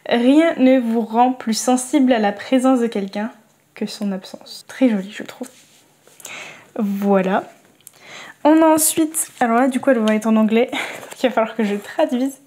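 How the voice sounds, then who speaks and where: A young woman talking casually about books and reading quotes aloud slowly, hesitating often with fillers. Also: fairly high pitch, warm tone. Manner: hesitant, many fillers, reads slowly and carefully. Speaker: book vlogger.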